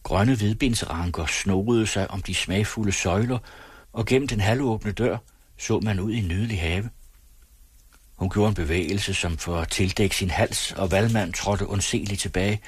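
Deep husky male storyteller. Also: dry recording. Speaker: audiobook narrator. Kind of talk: scripted narration.

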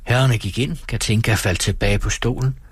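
A man reading a novel aloud as an audiobook narrator, calm and steady. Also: medium pitch, husky, no room sound. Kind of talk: scripted narration.

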